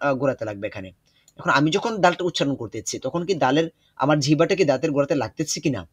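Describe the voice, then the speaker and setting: A young man teaching an online Quran recitation class, patient and repetitive, often pausing with hesitations. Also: a little high, no echo. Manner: patient, repeats instructions, many hesitations.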